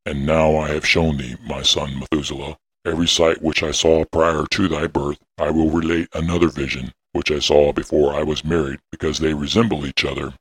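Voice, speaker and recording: A man's voice: little pitch movement, brisk, few pauses, no room sound. A man playing a solemn ancient prophet in an audio drama, speaking in grave, archaic tones. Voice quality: very deep husky voice. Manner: solemn, intoning, archaic prayerful delivery.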